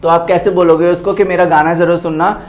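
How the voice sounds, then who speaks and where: Slow-explaining Indian English teacher, fairly high voice. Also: male voice, flat delivery. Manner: explains slowly with fillers, repeats example sentences word by word. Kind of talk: casual spoken lesson mixing Hindi and English. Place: home. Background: household noise.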